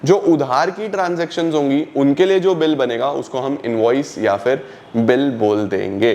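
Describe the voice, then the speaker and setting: Young guy doing an online accounts class, mid-pitched voice, asks his own questions then answers them. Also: a little mellow. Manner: reads English definitions slowly, explains in Hindi. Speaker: accountancy teacher. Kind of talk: online lesson.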